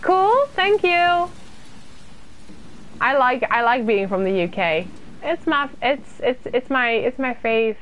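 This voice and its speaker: Speaking slowly in a high, very animated voice with a fairly bright tone, a young UK woman plays a horror game on stream from a small room. She reads out her viewers' comments and replies in a chatty, self-mocking way. A faint hiss or hum sits under the audio.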